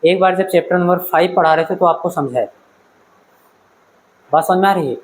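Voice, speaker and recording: A man's voice: sits high, brisk, a little hiss or hum, low-quality recording. A man teaching a physics class in a classroom-lecture style, asking questions and checking that the students follow. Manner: questioning, checks understanding, calls students "beta".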